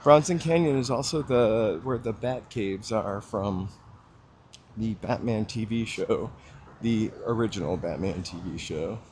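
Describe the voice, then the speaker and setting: Strolling a city street while livestreaming, a man rambles casually to his viewers, leaning heavily on fillers. His voice is on the low side, a little slow and mellow, somewhat froggy with a slight dry cough, with faint hiss or hum in the audio.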